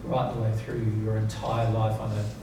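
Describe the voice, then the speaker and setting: Fairly low in pitch and completely flat in delivery, this man keeps a moderate pace while informally teaching spiritual principles to an audience. He's emphatic, repeating key words and using rhetorical questions to check comprehension. The recording, made on a distant mic, is very echoey with a noisy room.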